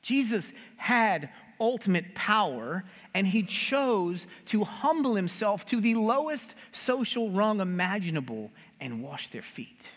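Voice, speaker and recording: A man preaching a sermon in a church, his voice high and swinging widely up and down as he tells the story. He keeps it chatty and funny, and his words roll out into the long reverb of a big sanctuary. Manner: conversational, humorous, animated storytelling. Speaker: pastor.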